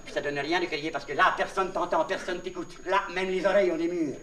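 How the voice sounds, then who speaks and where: A high-pitched, fairly bright male voice keeps a steady tone at a fairly quick clip. In Québécois French, the comedian plays a naive, childlike vagabond clown, rambling confidingly to the listener and mangling words into puns, on a noisy, distant, echoey old LP recording.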